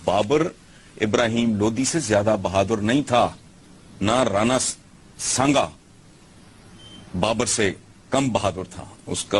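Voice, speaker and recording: A man's voice: medium pitch, husky. A man giving scornful opinion commentary, lecturing with rhetorical questions.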